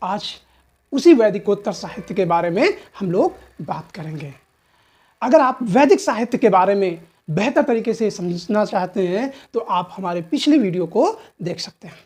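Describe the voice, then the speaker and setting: A woman's voice: mid-range voice, animated, moderate pace, a little mellow, husky. A woman teaching a history lesson for exam preparation, with a north Indian Hindi accent. She asks questions and answers them herself, repeats key terms, and often checks in with "theek hai na". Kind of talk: exam-prep lecture.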